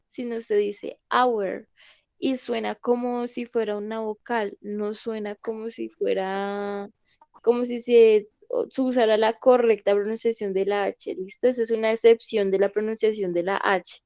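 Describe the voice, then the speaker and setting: A woman's voice: a little high, a little mellow, clear, resonant tone, no room sound. A woman teaching an English class online, explaining patiently and often checking that students follow. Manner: patient, checks understanding with frequent "¿listo?".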